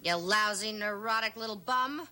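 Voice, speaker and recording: Sharp-tongued, bright-voiced scolding mother. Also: medium pitch, normal speed. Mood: dry sarcasm. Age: middle-aged. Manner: scolding, sarcastic, blunt. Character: proud, sharp-tongued divorced mother, combative and sarcastic. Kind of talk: television drama acting. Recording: noisy 1970s television soundtrack.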